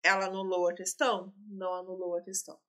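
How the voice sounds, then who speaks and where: A woman's voice: on the low side, completely flat delivery, fast, fairly bright tone. A woman, teaching and working through exam questions, explaining and talking straight to her students. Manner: explanatory, addresses students directly.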